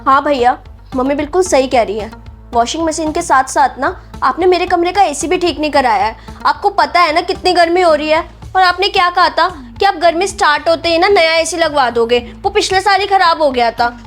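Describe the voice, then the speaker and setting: A woman's voice: extremely high pitch, fairly quick, soft background music. A woman playing a spoiled young sister-in-law who taunts and complains in a family drama skit. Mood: complaining. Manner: taunting, whiny.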